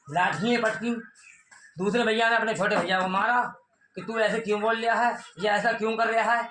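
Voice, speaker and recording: A man's voice: high voice, bright, forceful tone, echoey room, a little hiss or hum. A man telling his side of a family dispute, heated and pleading, repeating his points. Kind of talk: emotional personal account.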